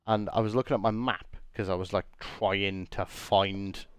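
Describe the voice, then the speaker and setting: A man with a fairly low voice hosts a livestream in a close, dry sound. He banters casually, teasing and swearing with mock grumpiness. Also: steady tone, moderate pace, clean tone, dry recording. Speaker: livestream host.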